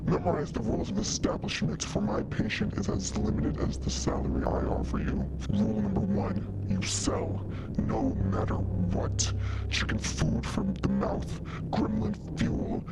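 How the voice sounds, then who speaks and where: An ancient, contemptuous tentacle monster issues shop rules like a petty tyrant, as a woman gamer puts him on. The voice changer keeps morphing the pitch from deep rumbles to high squeals, swinging wildly across the range. Loud music plays underneath. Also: wildly swooping pitch, a little slow, creaky, full character voice, poor audio. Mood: domineering. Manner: pompous, decrees rules like a tyrant. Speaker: gamer voicing a game character.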